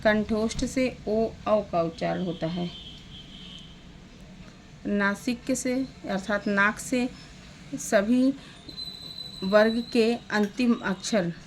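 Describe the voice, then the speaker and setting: Slow, gravelly-voiced woman teaching grammar. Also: medium pitch, a little hiss or hum. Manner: spells out letters one by one, slow and deliberate. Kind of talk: slow classroom lesson, reading out lists.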